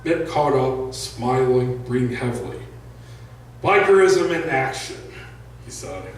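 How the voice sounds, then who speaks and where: Reading first-person narrative prose from his own book, a man addresses a live indoor audience a little slowly, with big swings in pitch around an average male range. He gets loud for shouted lines of dialogue. The sound is captured from afar in a very reverberant space, with faint noise behind him.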